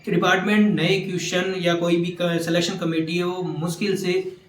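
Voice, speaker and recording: A man's voice: sits high, little pitch movement, normal speed, roomy sound. A young man from Rajasthan, a government engineer, giving earnest motivational exam advice, repeating his points and mixing in English terms. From Rajasthan, India. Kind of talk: motivational talk.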